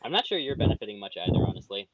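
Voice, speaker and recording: A man playing in a tabletop game, making dry, deadpan jokes. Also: lowish voice, rapid-fire, muffled recording, crowd noise. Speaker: player.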